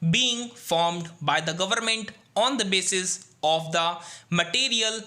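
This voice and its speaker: A man with an Indian accent dictating formal text for shorthand practice, reading in measured phrases and calling out punctuation. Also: high-pitched, pushed and bright.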